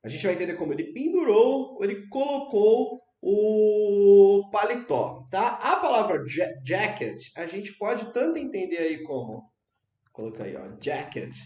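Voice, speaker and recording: A man giving a casual English lesson to Portuguese speakers, chatty and checking in with his listeners, slowing down to repeat example phrases. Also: high-pitched, big pitch swings, dark tone. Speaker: English teacher. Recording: roomy, echoey room sound.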